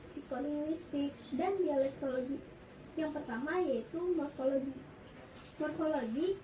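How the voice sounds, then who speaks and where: A woman's voice: high-pitched, mellow. A young woman student giving a recited class presentation, listing points in order one by one. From Indonesia. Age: young adult. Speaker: university student presenting coursework. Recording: echoey room, distant mic, faint hiss.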